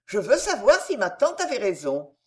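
A woman's voice: huge pitch swings, moderate pace. A woman reading an audiobook, voicing an outspoken, cheeky young girl with a raised, pert tone. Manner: pert and forthright, higher and brighter than the narration. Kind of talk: audiobook character dialogue.

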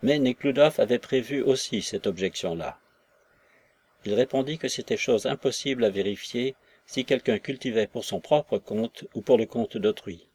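A man reading a novel aloud as narrator, in a steady, even storytelling manner. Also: mid-range voice, moderate pace, husky. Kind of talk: scripted audiobook narration.

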